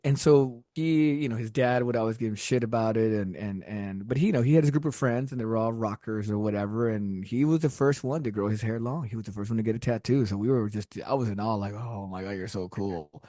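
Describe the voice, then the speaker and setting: This podcast guest is a middle-aged man from Texas, a native Spanish speaker, who rambles through stories and laughs a lot during a casual interview. He speaks fairly quickly in a warm, lowish voice. There's no room sound, and the audio is studio quality.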